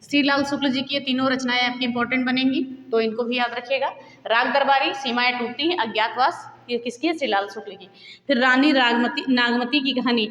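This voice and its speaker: A high-voiced woman teaches an exam-prep lesson, briskly reading out lists and quizzing her viewers. The room is echoey, with a long reverb trailing each phrase. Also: fairly bright tone, muffled recording. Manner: brisk list-reading with quiz questions to viewers.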